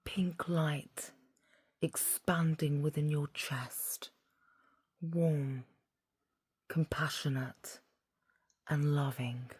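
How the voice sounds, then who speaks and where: Female meditation guide: low, breathy and half-whispered, soothing deliberate delivery, dry recording. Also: darkish tone, no echo.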